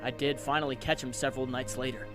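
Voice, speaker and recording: A man's voice: mid-range voice, fairly even intonation, quick pace, music in the background, natural voice. A man voicing an earnest, self-doubting and wry young superhero in a comic book dub, with theatrical delivery. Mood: earnest storytelling.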